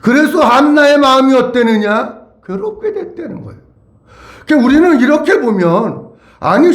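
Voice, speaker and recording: A male pastor preaching a sermon to his congregation, emphatic and repeating key words, with many questions to his listeners. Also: extremely high pitch. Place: church sanctuary. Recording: echoey church hall.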